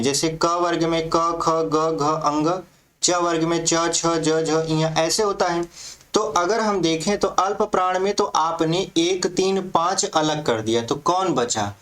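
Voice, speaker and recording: Hindi teacher asking and answering himself. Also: male voice, on the high side, a bit bright. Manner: asks questions and answers them himself; spells out letters slowly. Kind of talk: exam-prep grammar lesson.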